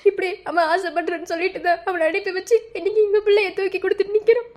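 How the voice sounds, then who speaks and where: Woman playing a grieving mother, high voice, tearful, lamenting, cartoon drama. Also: level tone, racing, a little mellow. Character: grieving mother who lost her son. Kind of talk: cartoon voice acting.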